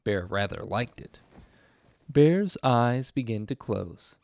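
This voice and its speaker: In a dry recording, a man with a gravelly, mid-range voice slowly reads a children's picture book, giving it an expressive storytelling delivery.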